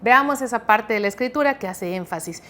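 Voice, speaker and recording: Young female preacher, high voice, earnest and emphatic, dramatic scripture reading. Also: animated, brisk, pushed and bright.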